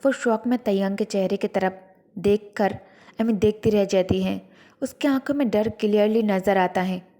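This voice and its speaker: A woman tells a dramatic story in a measured, descriptive voice. Her pitch sits in an ordinary middle range, and she paces the tense scenes steadily. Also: dark tone.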